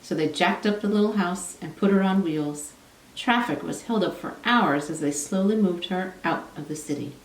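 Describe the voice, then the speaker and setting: A woman with a fairly low voice reads a children's storybook aloud as narrator at a moderate pace. The recording sounds echoey, as if she's in a reverberant room far from the mic.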